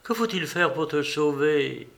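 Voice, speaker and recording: A man's voice: fairly high pitch, expressive, measured pace, vocal fry, a bit bright, exaggerated voice. A man voicing a devoted, frightened young woman engaged to be married in an audiobook, with earnest, imploring delivery. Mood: distraught.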